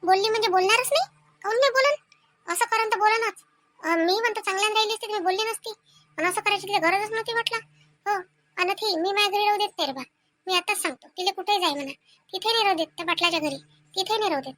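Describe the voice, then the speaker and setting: Cartoon: very high, rapid-fire nagging village wife, a woman voicing her, Vidarbha Marathi accent, sarcastic. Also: bright, forceful tone, dry recording. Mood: quarrelsome. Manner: scolding, sarcastic. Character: sharp-tongued quarrelsome village wife. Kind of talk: cartoon family comedy.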